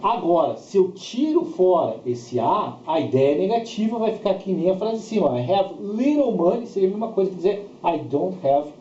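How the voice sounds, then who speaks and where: A man with a Brazilian accent teaches a bilingual grammar lesson as an English teacher, explaining things didactically with repetition and short check questions. His mellow voice is high-pitched and very animated, moving at normal speed with hardly any pauses. The recording sounds dull and roomy, with faint noise.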